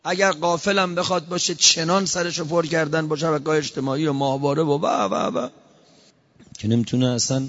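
A man delivers a fervent sermon with a slightly raised pitch, hammering home each point with rhetorical questions. His voice rings out with a long reverb through a large hall. The recording is dull and lo-fi. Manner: emphatic, rhetorical questions, urgent pleading. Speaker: preacher. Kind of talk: impassioned sermon to a gathering. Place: large hall, speaking from a podium.

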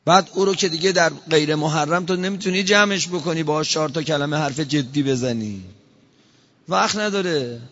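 A man delivers a fervent sermon with a slightly raised pitch, hammering home each point with rhetorical questions. His voice rings out with a long reverb through a large hall. The recording is dull and lo-fi. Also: fairly bright tone. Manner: emphatic, rhetorical questions, urgent pleading. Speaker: preacher. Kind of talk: impassioned sermon to a gathering. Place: large hall, speaking from a podium.

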